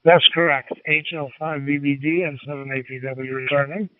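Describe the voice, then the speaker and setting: Walkie-talkie radio sound, narrow band, distant, man from the United States, ham operator, measured call-and-response delivery. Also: a little high, steady tone, no echo. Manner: spells out call signs in phonetic alphabet. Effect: two-way radio, walkie-talkie sound. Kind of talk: ham radio contact, unhurried procedural call.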